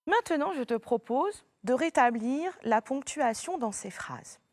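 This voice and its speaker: A woman's voice: sits high, expressive, measured pace, dry recording, studio quality. A woman primary school teacher giving a remote lesson to a young child, patient and encouraging as she speaks straight to the pupil.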